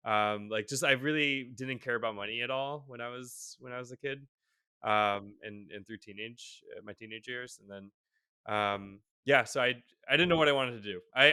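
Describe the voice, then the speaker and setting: Guy in his 30s on a video call, bright crisp voice, dry sound, rambles a lot with lots of likes and ums. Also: medium pitch, no room sound. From Boston area, USA. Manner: relaxed and rambling, lots of fillers and self-deprecating laughs. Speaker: guest, tech CTO. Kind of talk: casual interview. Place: home room, on a video call.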